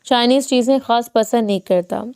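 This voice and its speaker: A woman voicing a tired young husband who teases gently, in a smooth audiobook reading. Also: a little high, close to an everyday voice. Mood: drowsy. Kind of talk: audiobook dialogue.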